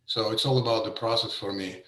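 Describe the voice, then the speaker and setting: A middle-aged man from Russia, a painter giving an informal artist talk over a video call, pausing often with fillers and restarts. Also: on the low side, steady tone, bright, forceful tone, echoey room, slight background noise, poor audio. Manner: hesitant, many fillers and restarts. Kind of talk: informal presentation.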